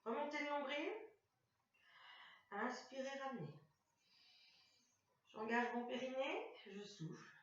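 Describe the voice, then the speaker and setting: A woman instructor cues a chair workout one movement at a time, staying calm, repeating instructions, and speaking slowly with long pauses in a fairly high voice. She's in a room with a chair and mat, heard far off the mic in an echoey space with muffled sound.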